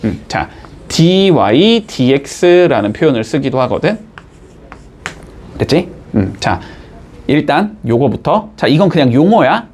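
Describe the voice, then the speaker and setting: Male math teacher, fairly high and animated voice, talks in step-by-step explanations with frequent quick check-ins. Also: breathy edge. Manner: checks in constantly with quick rising tags. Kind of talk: classroom lecture.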